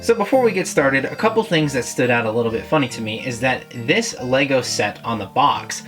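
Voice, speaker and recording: A man's voice: medium pitch, expressive, a little fast, a bit bright, soft background music. A man hosting a casual toy review, talking in a chatty, rambling, self-deprecating way.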